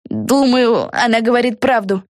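A woman voicing a calm, sensible young witch girl in a storybook reading, soft-spoken and knowing. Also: a little high, normal speed, no room sound, studio quality, voice pushed up.

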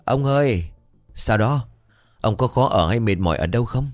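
A man's voice: mid-range voice, expressive, moderate pace, no room sound, voice pushed up, natural voice. A man voicing a caring, talkative older wife who frets over her husband. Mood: fretful.

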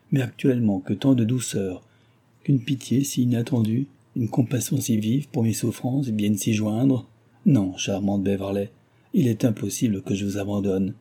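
A man voicing a passionate young gentleman suitor, speaking in a fervent, imploring and formal way. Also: fairly low pitch, breathy edge. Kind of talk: audiobook character reading.

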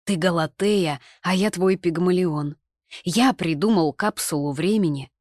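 A woman's voice: on the low side, unhurried, no room sound, studio quality. Woman reading as an ardent tipsy young man. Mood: excited. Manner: excited, insistent, muttering.

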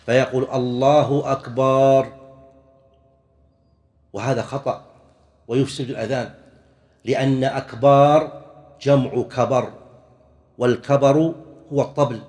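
A man delivering a classroom-style religious lecture at a mid-range pitch. He explains each point step by step in a measured, patient way, now and then clearing his throat or restarting a phrase as he goes. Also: a little mellow, long reverb tail. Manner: measured, explanatory, demonstrates pronunciations. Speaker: religious teacher. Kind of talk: classroom lecture on worship rules.

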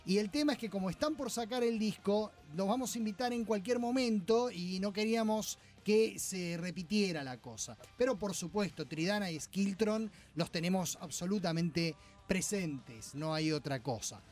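High-voiced Rioplatense radio host. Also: male voice, normal speed, soft background music. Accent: Rioplatense Spanish. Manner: relaxed, chatty, reads listener comments aloud. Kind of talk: casual radio chat.

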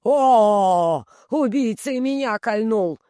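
A man voicing a heavy-set village man who yells for help. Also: high-pitched, expressive, slow pace, clean tone, no echo, studio quality, voice pushed up. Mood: hurt. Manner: yelling.

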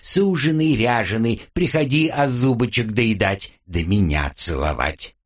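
A man's voice: mid-range voice, animated, a little slow. A man voicing a fussy, folksy old male house spirit in an audiobook, grumbling and chatty. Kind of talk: audiobook character reading.

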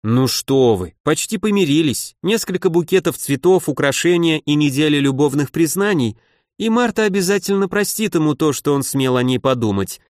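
A man reading an audiobook, voicing a composed young princess who speaks calmly and reasons things through. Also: a little high, normal speed, no room sound, clean studio sound, lightly acted. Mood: reasoning. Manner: calm and reasoning.

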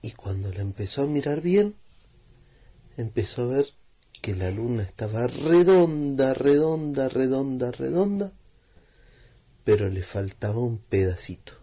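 A man's voice: mid-range voice, lively intonation, moderate pace, dark tone, husky. A man narrating a children's story in a playful, repetitive rhythm.

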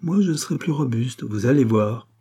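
A man's voice: medium pitch, lively intonation, normal speed, mellow, breathy edge. A man reading aloud, voicing a confident lady's maid.

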